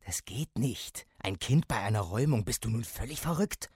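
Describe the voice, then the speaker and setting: A gruff stonemason in work clothes, brusque and disapproving, as read by a man. He speaks slowly and flatly dismissive. The sound is close and dry. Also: lowish voice, dry recording, exaggerated voice. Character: gruff working stonemason, middle-aged man.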